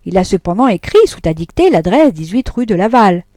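A woman's voice: mid-range voice, big pitch swings, brisk, a little mellow, no echo, studio quality. A woman voicing a wronged wife who presses her husband impatiently and coldly, in a read-aloud novel. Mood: accusing. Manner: impatient, cold, pointed.

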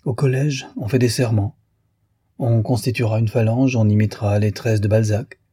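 A man reading aloud voices a bitter, sarcastic young lawyer reproaching a friend, in a dark, husky voice. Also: on the low side, steady tone, normal speed, no echo, clean studio sound.

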